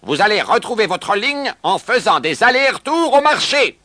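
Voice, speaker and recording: A man voicing a harsh, bad-tempered thin farm owner who shouts orders in a storybook reading. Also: sits high, big pitch swings, normal speed, no room sound, pitched above the performer's own voice, heavily acted. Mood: furious.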